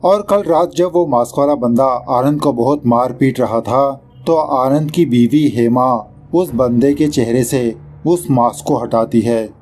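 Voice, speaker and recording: A man's voice: medium pitch, measured pace, few pauses, a little mellow. A man narrating a film recap in a casual, chatty voice-over, slipping English words into his telling and poking fun at the director. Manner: mocks the film's director mid-story. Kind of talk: casual movie explanation voice-over.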